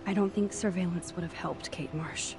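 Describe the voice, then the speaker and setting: Woman voicing a soft-spoken teenage girl. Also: fairly low pitch, moderate pace, over music, close to an everyday voice. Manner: soft, hushed, hesitant. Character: quiet, thoughtful teenage girl student. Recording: game audio under a livestream, with background noise.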